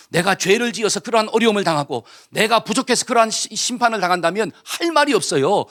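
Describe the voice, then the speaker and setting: Lively Korean pastor preaching. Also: male voice, sits high. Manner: rhetorical questions and call-and-response. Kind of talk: sermon. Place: church.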